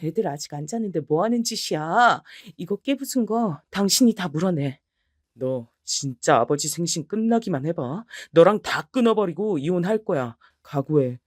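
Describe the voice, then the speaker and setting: A woman's voice: on the low side, expressive, moderate pace, a little mellow, no echo, studio quality. A woman voicing an angry husband who makes curt threats in a story reading. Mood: threatening. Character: angry middle-aged husband, cold and threatening.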